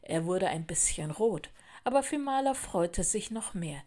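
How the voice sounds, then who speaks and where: A woman narrating a children's storybook in a clear, even storytelling manner. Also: fairly low pitch, a little slow.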